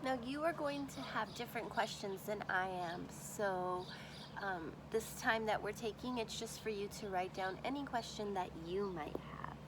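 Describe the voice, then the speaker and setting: A woman teacher with a medium-pitched voice reads a picture book expressively to children, stopping to think aloud and ask them questions. The background is noisy.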